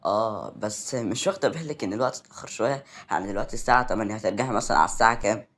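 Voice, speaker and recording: A man's voice: on the low side, rapid-fire, fairly bright tone, pitched below the performer's own voice. A man voicing an easygoing young man in an Egyptian accent, in a read-aloud story.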